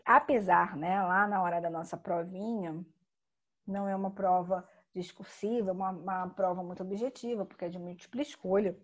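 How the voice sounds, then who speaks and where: A woman teacher giving a recorded grammar lesson, explaining slowly and emphatically with frequent tag questions. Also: lowish voice, steady tone.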